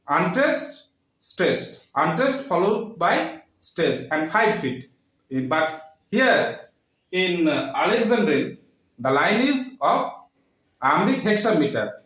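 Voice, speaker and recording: A man teaching a literature lesson, speaking haltingly, with frequent fillers and repeated terms. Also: fairly high pitch, fairly bright tone. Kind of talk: classroom lecture. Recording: echoey room.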